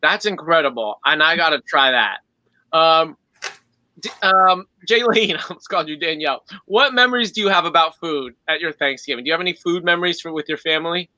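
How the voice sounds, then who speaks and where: A man's voice: on the high side, brisk, bright, forceful tone, no room sound, rough recording. A man hosting a casual online show, asking upbeat questions and laughing easily. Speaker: host. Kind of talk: casual chat.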